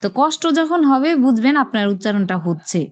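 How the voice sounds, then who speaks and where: A woman's voice: fairly high pitch, animated, fairly quick. A woman teaching Arabic letter sounds in an online class, patiently repeating drills and encouraging her students. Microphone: online call microphone. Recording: dull lo-fi online call audio.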